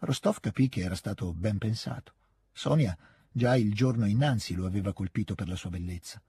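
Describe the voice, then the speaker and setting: A man narrating a classic novel in an audiobook, with a steady, expressive reading into a close studio mic. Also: lowish voice, a little fast, husky, dry recording. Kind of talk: scripted literary narration.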